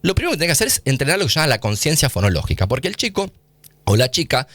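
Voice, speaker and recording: An Argentine man speaks fast in a radio studio interview, his pitch rising and falling a lot as he explains with casual slang. The sound is dry and close, with no room echo. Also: big pitch swings, a bit bright. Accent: Argentine Spanish. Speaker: guest scientist.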